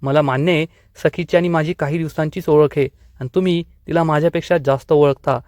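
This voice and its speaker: A man narrating an episode recap in a steady storytelling way, reading the characters' lines in his own voice. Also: on the high side, a little fast, dry recording, clean studio sound.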